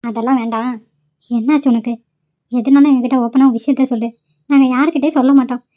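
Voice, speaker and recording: A woman's voice: high voice, steady tone, fast, highs cut off, lightly acted. A woman voicing caring young female college students in a homemade cartoon, coaxing and pleading with a friend. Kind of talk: amateur cartoon voice acting.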